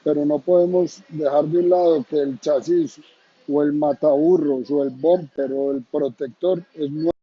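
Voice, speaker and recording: A middle-aged man from Colombia with a Colombian accent, hosting and talking to viewers in an earnest, measured way with hesitant pauses. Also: on the high side, steady tone, husky, dry recording. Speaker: host. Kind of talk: casual talk to viewers. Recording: dull lo-fi sound.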